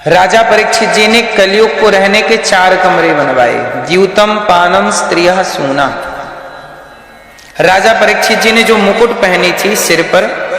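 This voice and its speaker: High-voiced male preacher in an echoey hall. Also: fairly bright tone. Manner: slow, questioning the audience directly. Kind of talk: Hindi scripture discourse. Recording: echoey hall with faint music.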